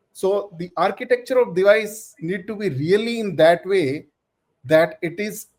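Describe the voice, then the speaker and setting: High-voiced man explaining tech standards. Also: a little mellow. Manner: deliberate, explanatory. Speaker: panelist. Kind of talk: panel discussion.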